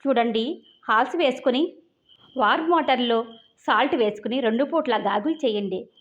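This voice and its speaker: A composed male throat specialist who speaks in a measured, advising way, voiced by a woman. The recording is muffled and lo-fi, and the voice sits high. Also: a bit bright. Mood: calm. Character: calm, matter-of-fact male throat doctor. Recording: dull lo-fi recording.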